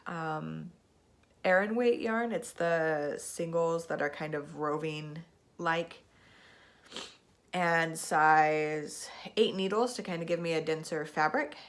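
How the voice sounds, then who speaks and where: With a lowish, somewhat bright voice, this thirtysomething woman hosts a knitting podcast at home, sitting in a spinning chair in front of a camera and using its mic. She has a cold that leaves her stuffy, and her chat is casual, rambling and full of ums.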